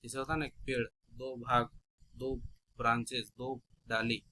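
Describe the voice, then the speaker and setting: Bright-voiced male accounting teacher. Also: mid-range voice, flat delivery, moderate pace, slight background noise, poor audio. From India. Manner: asks the class questions and answers them, repeats key terms. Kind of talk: classroom lecture explaining terms.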